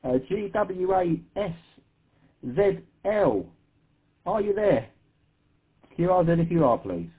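A man's voice: high voice, big pitch swings, slow pace, pauses often, husky. A man with an Essex accent hosting an amateur radio net, chatty and self-deprecating, laughing easily as he calls in guests. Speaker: net control host. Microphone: radio transceiver. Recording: tinny radio transmission.

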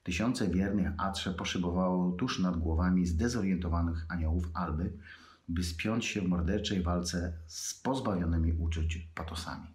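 A man, an author, reading his own fantasy prose aloud in a measured, unhurried way with pauses. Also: deep voice, darkish tone. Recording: echoey room.

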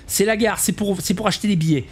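A man's voice: sits high, quick pace, slightly rough. A man giving a chatty, casual commentary as he tours a game camp, talking to viewers as kids and poking fun at himself. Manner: chatty, calls viewers "les enfants"; self-mocking asides. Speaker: game camp tour host.

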